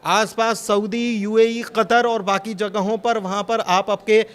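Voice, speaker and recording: A man with a high voice gives his take as an analyst on a studio news panel. He talks in an animated, sarcastic way and keeps throwing out rhetorical questions. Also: measured pace, clear, resonant tone.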